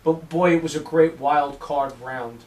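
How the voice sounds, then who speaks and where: A man's voice: on the high side, steady tone, unhurried, darkish tone, recorded from a distance. A man giving opinionated sports analysis in a casual podcast chat, talking with energy. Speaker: sports radio host and regular guest.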